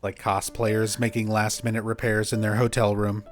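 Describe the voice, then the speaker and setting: Low-voiced man giving casual game commentary. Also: monotone, normal speed, faint music behind. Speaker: game streamer. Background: faint game ambience.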